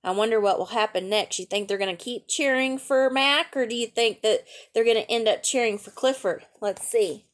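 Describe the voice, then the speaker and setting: At a normal speed and with few pauses, her fairly high voice carries a picture book reading for young children. This storytime teacher keeps adding conversational asides, simple explanations and questions for the kids.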